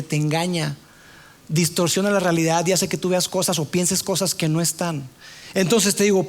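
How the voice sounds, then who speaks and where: A man preaching a sermon in an earnest way, sometimes dropping to a soft hush. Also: high voice. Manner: earnest, drops to a soft hush for tender passages.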